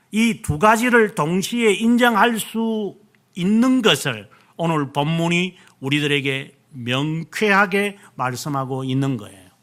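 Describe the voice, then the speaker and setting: A middle-aged male pastor preaching a sermon, stressing key words slowly and answering himself with "yes". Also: high-pitched, bright, forceful tone.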